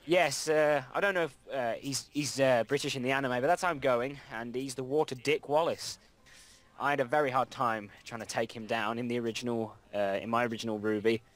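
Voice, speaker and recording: A man's voice: mid-range voice, fairly even intonation, a little fast. A young man hosting a let's play, chatting casually and rambling with frequent restarts. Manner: rambling, self-correcting, reads game dialogue aloud. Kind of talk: casual gameplay chat.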